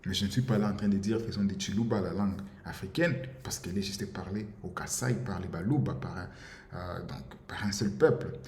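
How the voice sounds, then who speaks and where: A man from the DR Congo, a commentator, delivers an impassioned, insistent, repetitive monologue, often stumbling over words. His voice is low-pitched, brisk, and darkish. The recording has a roomy echo with faint ambience and slight background noise.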